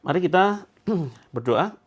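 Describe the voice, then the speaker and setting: A slightly hoarse man leading a live-streamed ruqyah session. He jokes with viewers, then guides them through a slow, solemn prayer they repeat after him. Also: high voice. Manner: relaxed and joking in talk, slow and solemn in prayer. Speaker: ruqyah leader.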